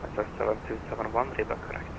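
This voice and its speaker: A man's voice: flat delivery, very fast, vocal fry. A man working as an air traffic controller, giving formulaic procedural instructions over the radio. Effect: radio transmission. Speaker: air traffic controller on a flight simulator network. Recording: rumbling, noisy radio channel.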